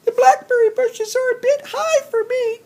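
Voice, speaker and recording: Storybook: a small, eager girl chipmunk, squeaky falsetto, very high, voiced by a male reader. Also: steady tone, normal speed, a little mellow. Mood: sweet, eager. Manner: polite and eager. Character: tiny shy sweet female chipmunk.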